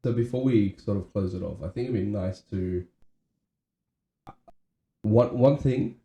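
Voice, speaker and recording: A man's voice: fairly low pitch, a little slow, dark tone, reverberant, lo-fi sound. A man co-hosting a casual podcast chat, talking earnestly with many restarts and "right?" tags. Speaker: podcast co-host.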